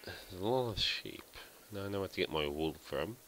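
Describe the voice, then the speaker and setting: A man with an extremely deep yet bright, forward voice talks through his game in a loose, rambling way. He thinks aloud and pokes fun at himself as he goes, like a let's play host chatting to viewers. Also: expressive, normal speed, a little hiss or hum. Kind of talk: casual gameplay commentary.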